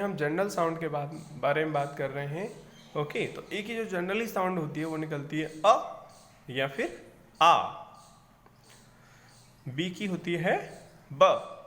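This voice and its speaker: Man, teacher, phonics lesson, very slow, repeats each sound, long hall reverb. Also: fairly high pitch, fairly bright tone, slight background noise.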